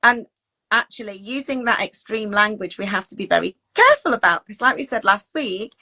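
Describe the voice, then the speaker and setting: Fairly quick and expressive, her medium-pitched voice sounds pushed and bright. As a teacher well-being coach and host, she walks through advice in a relaxed, reassuring chat, performing sample phrases as she talks.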